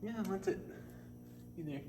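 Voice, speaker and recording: A man's voice: moderate pace, heavy background noise. A man in casual chat, terse and offhand, echoing in a large workshop at a distance from the camera. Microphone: distant camera mic. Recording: echoey hall, far from the mic.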